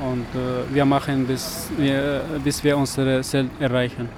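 Interviewed outdoors on a city street, a male protester from Afghanistan who is seeking asylum talks in halting, broken German with lots of fillers. He has a mid-range voice, a flat delivery and a measured pace, with faint traffic in the background.

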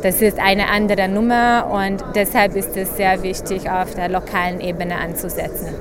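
A woman's voice: mid-range voice, flat delivery, normal speed, music in the background. A woman who runs an advocacy group, speaking earnestly in an interview clip with many filler sounds. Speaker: managing director of an advocacy group.

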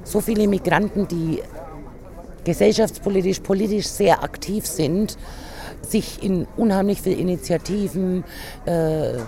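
Emphatic woman, union committee member, mellow tone, stops to find words. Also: on the low side. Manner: emphatic, pauses to search for words. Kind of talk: interview clip.

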